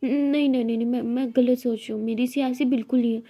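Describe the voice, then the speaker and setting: Woman voicing a bossy, jealous young lover; fairly high voice, very dark mellow tone, scolding. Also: fairly even intonation, fast talker. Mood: possessive. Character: possessive, hot-tempered young woman in love.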